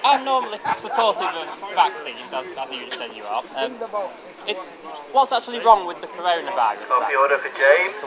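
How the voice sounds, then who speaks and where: Male interviewer, slightly high voice, crowd chatter behind, busy park. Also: very animated, moderate pace. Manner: probing, restarts questions. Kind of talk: casual interview.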